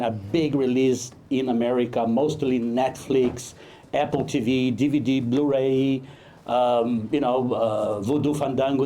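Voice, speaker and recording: A man from Brazil, a film director giving a humorous, anecdotal talk at a networking event, halting often with fillers. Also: mid-range voice, warm tone, slight background noise.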